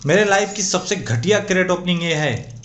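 A man's voice: sits high, animated, moderate pace, a bit bright. A young man, commentating his own crate opening in a mobile game, frustrated and swearing and pleading with the game. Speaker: gaming YouTuber.

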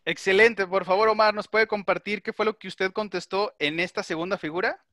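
Bright-voiced male teacher, methodical. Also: sits high, steady tone, brisk, dry recording. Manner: methodical, explains step by step and checks understanding. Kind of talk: online class lecture with questions to students.

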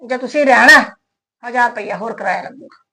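A woman's voice: fairly high pitch, fast, gravelly, sharp tone, heavily acted. A woman playing a domineering middle-aged landlady who scolds her tenants. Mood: scolding. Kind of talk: skit acting.

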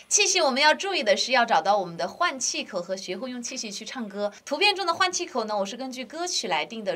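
A woman's voice: on the high side, a bit bright. A woman vocal teacher giving a singing lesson, explaining patiently and demonstrating phrases and sighs.

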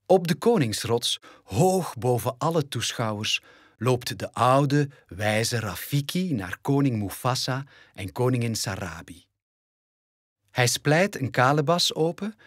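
Flemish guy reading a kids' story out loud, slow and breathy, pitch jumping around a lot, dry close sound. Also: no room sound. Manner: animated, storytelling. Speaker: storybook reader. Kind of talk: read-aloud children's story narration.

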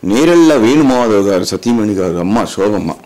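A man's voice: fairly low pitch, lively intonation, normal speed, a little mellow. A middle-aged man, a mimicry artist answering in an interview, emphatic and lecturing, asking and answering his own questions. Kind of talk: interview, explaining.

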